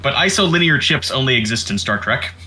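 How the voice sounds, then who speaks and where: A man's voice: medium pitch, animated, a little fast, bright, forceful tone, poor audio. A man in casual let's-play chat, reasoning aloud and fact-checking. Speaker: co-commentator.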